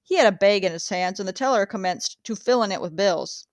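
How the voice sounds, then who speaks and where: A woman's voice: mid-range voice, fairly quick, no room sound, studio quality, close to an everyday voice. A woman doing a folksy old Western man. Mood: boastful. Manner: folksy drawl.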